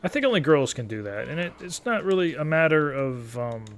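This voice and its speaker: Fairly quick and very animated, a thirty-something gaming video commentator rambles through live gameplay on the high side of his range. He's casual and pokes fun at himself, frequently wandering off on tangents.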